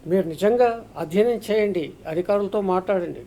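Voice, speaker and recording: A man's voice: sits high, brisk, warm tone, a little hiss or hum. A man arguing his point as a political commentator on a televised debate, emphatic and argumentative, stopping now and then to tell a parable. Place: TV news studio or remote link.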